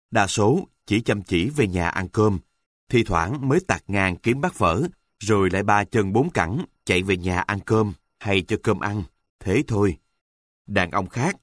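A man telling an earthy, humorous first-person story with a wry, deadpan delivery. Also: lowish voice, dry recording, clean studio sound.

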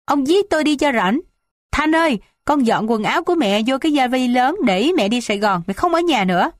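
A woman's voice: animated, fairly quick, a little mellow, no room sound, clean studio sound, natural voice. A woman voicing a scolding, dramatic old village matriarch in an audiobook. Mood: wailing. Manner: shrill, complaining, wailing.

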